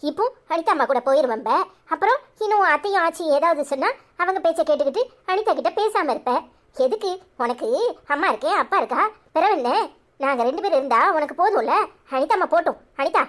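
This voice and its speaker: A woman voicing a harsh, scolding second wife in a cartoon, speaking curtly with a Tirunelveli Tamil accent. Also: sits high. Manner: curt, scolding.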